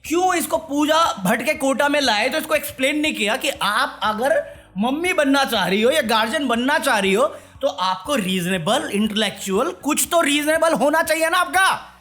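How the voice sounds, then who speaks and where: A man's voice: extremely high pitch, animated, moderate pace, sharp tone. A man giving a sarcastic, mocking rant as a reality-show commentary vlogger.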